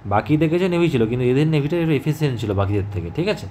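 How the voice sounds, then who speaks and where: A man teaching an exam-prep history lesson in a conversational way, often pausing to check that students follow. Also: medium pitch, lively intonation, mellow, slight background noise. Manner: conversational, repeats "ঠিক আছে?" as a check-in, many fillers.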